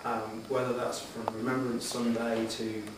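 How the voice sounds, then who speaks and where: A middle-aged man giving earnest, slightly hesitant answers in a formal interview before a room, with measured phrasing. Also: mid-range voice, level tone. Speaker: job applicant answering interview questions. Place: echoey meeting room, addressing the room. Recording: very echoey hall, distant mic, background noise.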